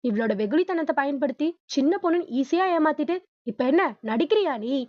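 A woman's voice: sits high, animated, fairly quick, dry recording. A woman reading the part of a protective middle-aged father who comforts his daughter and scolds her captor, on a dull lo-fi recording. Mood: angry.

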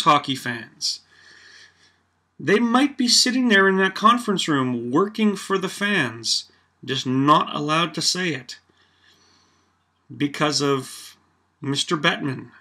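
A man from Canada hosting a casual opinion rant, sarcastic and full of fillers like "you know" and "like". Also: a little high. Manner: sarcastic, animated, filler-heavy. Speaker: vlog host.

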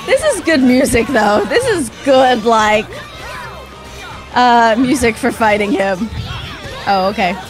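A woman's voice: on the high side, expressive, slow, pauses often, a crowd in the background. A young woman giving casual, sarcastic playthrough commentary on a video game in a playful way. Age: young adult. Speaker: gaming streamer. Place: small room indoors with shelves. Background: game music.

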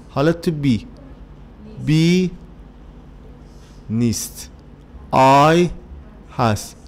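A man teaching an English workbook lesson to children, speaking Persian with a Persian accent and drilling words and letters slowly, one by one. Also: mid-range voice, vocal fry, darkish tone, slight background noise.

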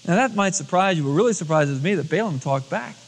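A high-pitched pastor with lively intonation preaches a storytelling sermon fairly quickly, acting out dialogue in everyday colloquial words. The cassette tape transfer carries long hall reverb and a little hiss or hum.

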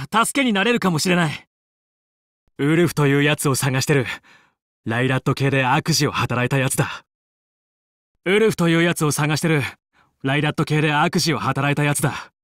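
A man's voice: a little high, a bit bright, no echo, clean studio sound, close to an everyday voice. A male actor playing a confident, heroic young fox who leads a team of space pilots in a video game, with cool, resolute, clipped delivery. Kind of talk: Japanese video game battle voice lines.

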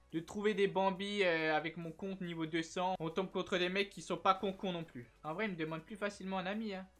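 A man's voice: high voice, sharp tone. A man hosting a gaming video in casual slangy chat, his voice strained and worn out. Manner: slangy, laid-back, rapid asides.

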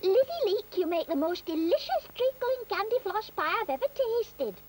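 A woman's voice: very high voice, big pitch swings, moderate pace, darkish tone. A woman voicing a greedy but polite female pear in a children's puppet cartoon, always asking for more food. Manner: greedy, polite with mouth full.

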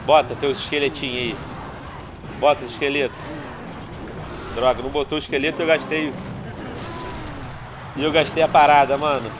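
Speaking at normal speed in a mid-range voice, with long pauses and a noisy background, this gaming YouTuber in his thirties chats through casual game commentary. He has a Brazilian Portuguese accent and a congested, cold-stricken voice, uses a headset in a small room at home, and addresses viewers constantly with excitable outbursts.

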